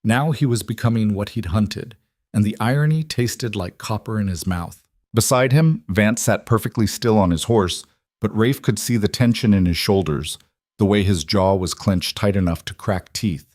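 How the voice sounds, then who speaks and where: A man narrating a scripted Western story in a steady, measured way. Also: on the low side, no echo, studio quality.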